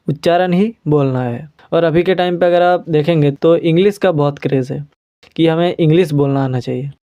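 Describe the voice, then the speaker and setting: A man with an Indian accent teaching a language lesson, patiently repeating sounds slowly for learners. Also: on the high side, mellow, clear, resonant tone.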